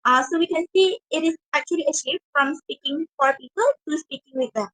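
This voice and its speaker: A woman's voice: high-pitched, a little fast, a bit bright, no room sound, rough recording. A young woman presenting her part of a university class talk, reading notes with many fillers and restarted words. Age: young adult.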